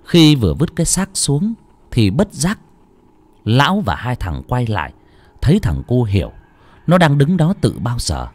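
A man narrating a story, with a dramatic, expressive reading. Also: medium pitch, measured pace, no room sound. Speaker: audiobook narrator.

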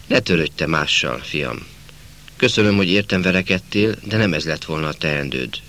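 A man voicing a kind, fatherly army officer and teacher who speaks gently and calmly. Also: extremely low pitch, exaggerated voice. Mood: gentle fatherly.

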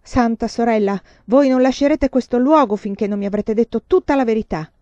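A woman's voice: fairly high pitch, fairly quick, dry recording, lo-fi sound, voice pushed up, close to an everyday voice. A woman playing a commanding, anxious old nobleman. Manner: insistent, rising to shouted demands.

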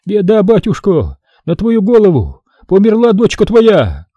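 A frail, toothless old village woman, as a male narrator puts her on, mumbling her words in a high, pleading wail. The voice is husky and dark underneath the raised pitch, and the recording is dry and close, with no room sound. It suits a historical audiobook read aloud. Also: very animated, normal speed, no room sound, highs cut off, full character voice. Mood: lamenting. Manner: lamenting, then shrill and threatening.

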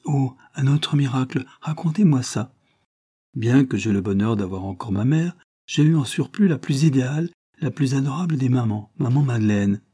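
A man's voice: mid-range voice, expressive, normal speed, dark tone, breathy edge, pitched above the performer's own voice. A man doing an earnest, tender young man.

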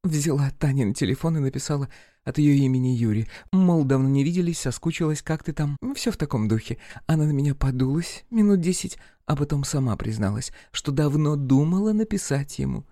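A man's voice: a little high, expressive, a little fast, warm tone, no echo, clean studio sound. A man voicing a gossipy, scornful young woman friend in an audiobook, talking in a catty, chatty, dramatic way.

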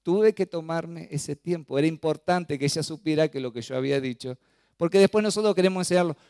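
A middle-aged Argentine man, a pastor, preaching a sermon with lively storytelling and acted-out voices. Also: on the high side, brisk, vocal fry, clean tone, no room sound, studio quality. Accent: Argentine Spanish. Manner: storytelling, animated, acts out voices.

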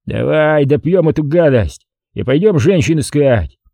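A rowdy, drunken army officer who swaggers and goads everyone around him, as a male reader puts him on. The voice sits well above the reader's own, gravelly and husky, with wild swings in pitch. It is told as a storybook scene. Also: expressive, a little slow, dark tone, dry recording, heavily acted. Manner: boisterous drunken bluster. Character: drunk brawling army lieutenant colonel, loud and cocky.

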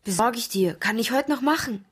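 An actress playing an eager, naive young woman in a radio drama, breathy and chatty. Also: a little high, fairly quick, fairly bright tone.

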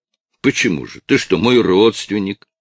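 Male reader doing a curt mocking detective, deep gravelly voice, dry read. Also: animated, normal speed, no echo.

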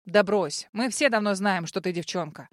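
A woman's voice: mid-range voice, moderate pace, dry recording, clean studio sound, close to an everyday voice. A woman voicing a blunt, bossy young male thief in an audiobook, urging his companion on. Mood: urgent. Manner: urgent, pushy commands.

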